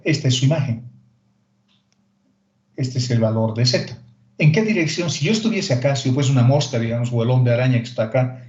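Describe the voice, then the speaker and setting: A man's voice: mid-range voice, a little mellow. A male math teacher giving a recorded calculus lecture, explaining step by step and directly to his students. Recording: echoey room, dull lo-fi sound.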